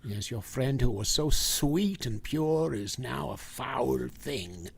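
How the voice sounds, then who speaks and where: Man acting a stern old vampire hunter professor, slow and husky, dramatic vintage radio style. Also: medium pitch, lively intonation, no room sound, heavily acted. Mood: grave, insistent. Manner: deliberate, insistent, dramatic. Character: grave, commanding older male professor and vampire hunter.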